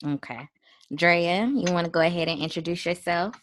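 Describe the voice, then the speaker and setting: A woman in her thirties hosting a casual podcast chat, relaxed and chatty with frequent ums. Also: lowish voice, normal speed. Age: 30s. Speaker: podcast host.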